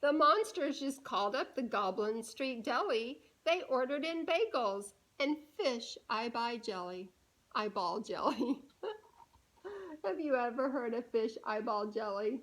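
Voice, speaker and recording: A woman with a fairly high pitch reads a picture book to young children in an animated, deliberate way, breaking off to ask them questions.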